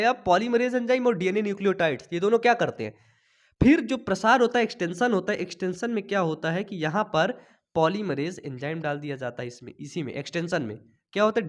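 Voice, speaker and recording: Young man, high-pitched, biology teacher, chatty, quizzes students, coughing from a cold. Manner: chatty, asks students questions and answers them himself. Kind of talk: board exam lesson for students.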